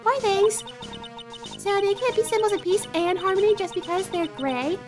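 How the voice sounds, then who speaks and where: A woman's voice: very high voice, moderate pace, voice pushed up. A woman voicing a perky, childlike young female sidekick in video game dialogue, playful and chatty. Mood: bubbly. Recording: music playing behind the voice.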